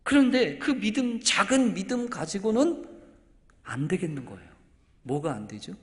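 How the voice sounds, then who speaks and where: A man preaching a Sunday sermon, asking the congregation rhetorical questions and swinging from loud exclamations to near-whispers. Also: sits high, very animated, moderate pace. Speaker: pastor. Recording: reverberant church hall.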